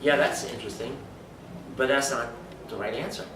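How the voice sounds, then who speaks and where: A man's voice: mid-range voice, normal speed, background noise. A man giving an emphatic health talk, lecturing and asking rhetorical questions. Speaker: speaker on supplementation. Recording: echoey room from far off.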